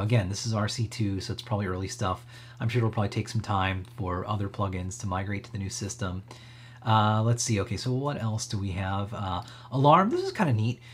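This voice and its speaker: With a medium-pitched, slightly rough voice, a tech stream host walks through some software casually and upbeat, sounding easygoing and approving.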